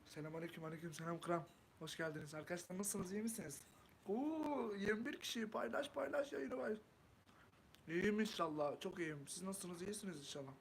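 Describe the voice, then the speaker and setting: A man from Turkey hosting a casual live stream, chatting with viewers, greeting them warmly and reading comments while he cooks. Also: high-pitched, fairly quick, vocal fry, slight background noise. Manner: talks while cooking.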